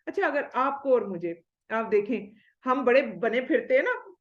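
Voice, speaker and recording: Female religious lecturer, higher-pitched, lively and rhetorical, on a dull lo-fi recording. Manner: lively, rhetorical questions, acts out quoted speech. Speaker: Islamic studies lecturer.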